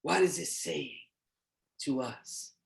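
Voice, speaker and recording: A man from Brazil with a Brazilian Portuguese accent, giving an animated, playful church lecture as a theologian. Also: fairly high pitch, takes it slowly, vocal fry. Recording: echoey church hall.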